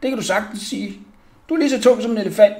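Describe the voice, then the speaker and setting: Man playing a cheeky little boy, high voice, full of mischief. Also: darkish tone.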